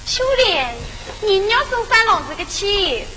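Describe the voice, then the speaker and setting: A lively village sister, very high. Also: female voice, takes it slowly, faint music behind, heavily acted. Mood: scolding. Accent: Gannan (southern Jiangxi). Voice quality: bright, animated stage speech. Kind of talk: regional tea-picking opera performance. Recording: stage recording in a reverberant hall with faint noise.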